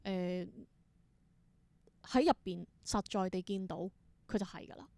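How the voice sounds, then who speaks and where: Her voice sits on the low side and sounds mellow, with a measured pace and no room sound. She's a theatre performer and creator appearing as an interview guest, reflecting thoughtfully in Hong Kong Cantonese-accented speech sprinkled with English words.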